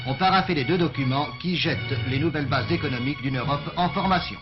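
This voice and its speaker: A man's voice: on the high side, quick pace. Man narrating an old newsreel. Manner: formal, stately announcing. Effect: old newsreel archive. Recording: dull lo-fi archive newsreel with music.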